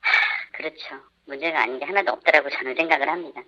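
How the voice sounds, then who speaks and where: A woman's voice: fast talker, bright, forceful tone, highs cut off. A woman speaking through a voice disguiser as an anonymous parent in a live radio interview, indignantly listing complaints point by point. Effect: voice disguised by a pitch changer. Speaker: parent of a camp participant.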